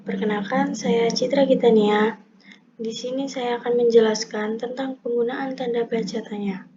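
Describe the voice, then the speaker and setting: A woman's voice: on the high side, steady tone, moderate pace, warm tone. A young woman reading a scripted lesson aloud, setting out each point one by one in a methodical way. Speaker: presenter explaining punctuation. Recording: dull lo-fi recording.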